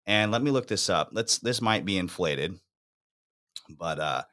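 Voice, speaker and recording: Young male fitness host, low voice, relaxed slangy banter. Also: measured pace. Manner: laid-back, laughing, slangy. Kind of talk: casual chat.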